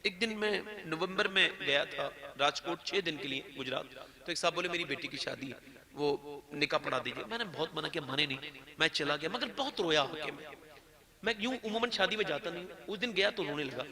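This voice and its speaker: A man preaching a sermon to a gathering, impassioned, rising to loud shouts as he addresses the crowd directly. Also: a little high, animated, brisk. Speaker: Islamic preacher.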